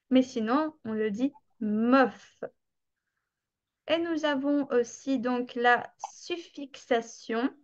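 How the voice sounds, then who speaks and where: Slow, patient high-voiced French teacher. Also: female voice, lo-fi sound. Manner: slow, patient explaining with drawn-out examples. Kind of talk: online webinar lesson.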